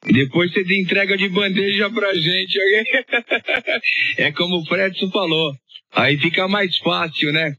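A man's voice: fairly high pitch, bright, forceful tone, slightly rough, dry recording. A Brazilian man chatting in a chummy, colloquial way as a ham operator over two-way radio. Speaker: amateur radio operator leading the exchange. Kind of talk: casual ham radio chat. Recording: dull, band-limited shortwave radio audio.

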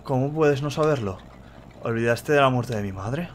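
A man from voicing a bitter, sharp-tongued young female crocodile in a curt, scornful tone. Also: mid-range voice, moderate pace, slight background noise, natural voice. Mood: flat.

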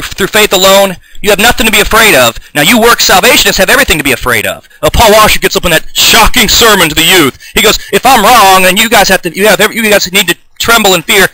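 A man giving an improvised, combative video sermon, reading scripture aloud, often restarting and clearing his throat. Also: high-pitched, bright, forceful tone, dry recording, poor audio. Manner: fired-up, combative, denouncing opponents. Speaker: self-taught online preacher.

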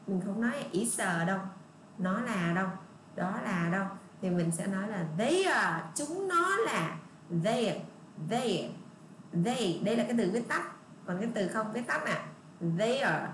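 Patient Southern Vietnamese woman teaching English. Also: mid-range voice. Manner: patient, repetitive, drawn-out model readings. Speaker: English teacher for young children. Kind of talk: online lesson explaining English pronunciation. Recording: echoey room with faint ambient noise.

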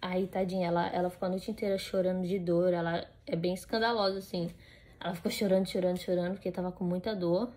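A woman's voice: fairly low pitch, level tone, fast, warm tone. A young woman with a Brazilian Portuguese accent, chatting casually to the camera at home. She rambles, with many fillers and restarts. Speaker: vlogger.

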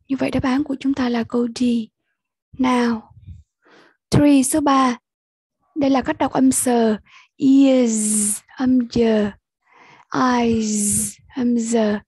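A young woman with a Vietnamese accent walks pupils through an English test at an unhurried pace. Her voice sits high but sounds soft and mellow. It is very husky and breathy, and the recording is close and dry. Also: no room sound. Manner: slow, patient, repeats sounds for pupils. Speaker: English teacher. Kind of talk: online lesson walkthrough.

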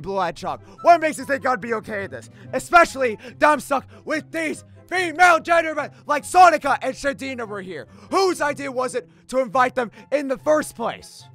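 A man's voice: very high-pitched, lively intonation, moderate pace, few pauses, a bit bright, full character voice. A man voicing a grumpy, easily panicked cartoon hedgehog antihero, ranting in exasperation and stammering when nervous. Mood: exasperated. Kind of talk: comic dub voice acting. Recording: music playing behind the voice.

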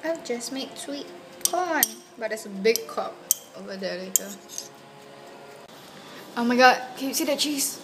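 A woman's voice: fairly high pitch, expressive, a little slow, pauses often. Chatty young woman in a sizzling kitchen. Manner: teasing, chatty, bossy about how to cut. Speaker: home cook filming a cooking vlog. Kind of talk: casual chat. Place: small home kitchen at night. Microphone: handheld phone camera. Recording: noisy kitchen with sizzling pan.

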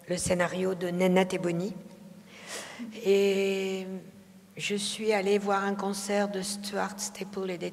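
A woman's voice: medium pitch, creaky, big-room sound. A woman from France, a film director, giving reflective interview answers at a public talk. She hesitates often, with many fillers and restarts. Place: festival talk hall.

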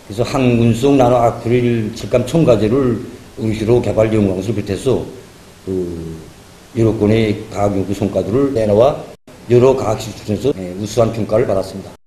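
A man's voice: on the low side, brisk, dark tone. A middle-aged man with a North Korean accent giving a formal interview statement as a college dean. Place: indoor office. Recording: echoey room with faint noise.

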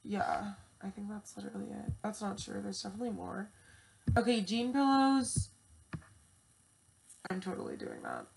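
Over background noise, a twenty-year-old woman talks to camera from her small bedroom, her mid-range voice swinging widely in pitch, with vocal fry and a normal pace. She pauses often, rambling and swearing as she thinks aloud, recorded on an earphone mic and laptop webcam.

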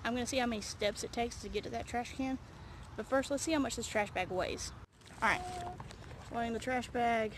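A woman's voice: a little high, a little fast. Emphatic woman vlogger, roomy echo. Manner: emphatic and rallying, repeats key words. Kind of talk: direct-to-camera vlog and announcement. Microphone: phone or camera close to her face. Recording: roomy echo, faint background hiss.

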